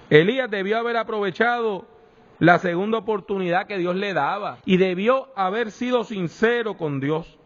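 A man preaching a sermon with slow, emphatic delivery and repeated refrains. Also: extremely high pitch, fairly bright tone. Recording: echoey hall, dull lo-fi sound.

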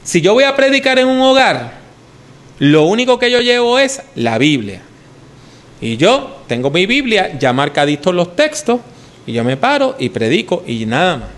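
In an instructional talk on preaching, a teacher uses his own voice to demonstrate each point in a conversational lesson. He speaks with a high-pitched, very animated voice that's a bit bright, at a moderate pace.

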